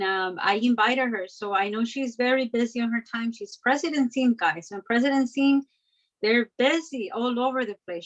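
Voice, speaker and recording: A woman's voice: a little high, muffled recording. A woman hosting a live online chat, introducing a guest with enthusiasm. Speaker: host.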